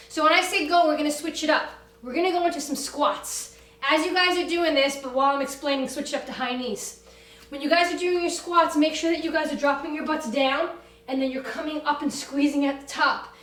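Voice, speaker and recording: Female workout coach, high voice, brisk commanding instruction, recorded in a roomy space away from the mic. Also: a bit bright. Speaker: fitness class instructor. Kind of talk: energetic workout instruction with cues and countdowns. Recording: roomy echo, distant from the mic.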